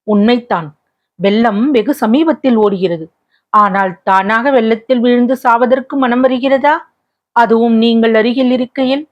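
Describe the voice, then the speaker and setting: A woman's voice: fairly high pitch, measured pace, close to an everyday voice. A woman voicing a young lovelorn woman who is tearful and wistful, speaking in a plaintive, pleading tone, in a slightly muffled recording. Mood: sorrowful.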